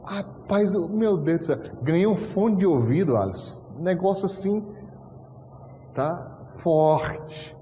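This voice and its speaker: A pastor preaching a storytelling sermon, animated and acting out dialogue with frequent laughter. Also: male voice, high-pitched, slow pace, slight background noise. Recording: echoey hall with long reverb.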